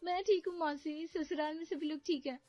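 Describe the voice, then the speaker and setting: A woman voicing a sweet, polite newlywed niece in a cartoon story, soft and cheerful. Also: high voice, fairly even intonation, normal speed, muffled recording, soft background music, voice pushed up, lightly acted.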